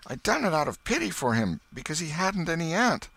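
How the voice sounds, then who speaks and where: A man's voice: a little high, big pitch swings, fairly quick, vocal fry, fairly bright tone, husky, pitched above the performer's own voice, heavily acted. A man doing a sly mischievous country boy. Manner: folksy drawl, eager pleading.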